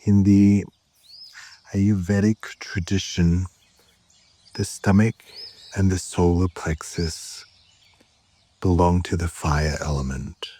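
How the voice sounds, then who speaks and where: This yoga nidra meditation guide speaks in a deep, slow, mellow male voice. He stays calm and measured, leaving long pauses between short phrases.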